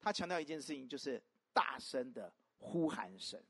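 A pastor preaching a sermon to a congregation, peppering it with rhetorical questions and swinging between loud emphatic calls and soft asides. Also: medium pitch, normal speed, husky. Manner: animated, constant rhetorical questions to the listeners.

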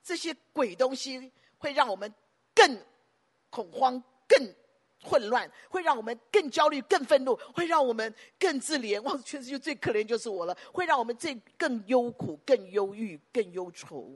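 A woman pastor preaching a sermon emphatically, piling up repeated phrases and breaking into sudden loud bursts. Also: sits high, expressive, moderate pace.

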